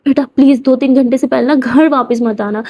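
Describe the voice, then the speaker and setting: A woman's voice: sits high, fairly even intonation, a little fast, warm tone. A woman voicing a dry-witted middle-aged mother who answers her fussing daughter sarcastically, in a spoken story.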